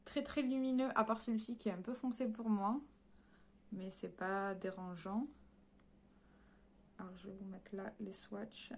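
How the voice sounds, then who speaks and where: A woman runs through a casual beauty haul at an everyday mid pitch. She talks straight to her viewers in a loose, chatty way, pausing on fillers and correcting herself mid-sentence. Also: steady tone, vocal fry, darkish tone, slight background noise. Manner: chatty, hesitant with frequent fillers and self-corrections; addresses viewers directly while showing swatches. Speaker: beauty vlogger.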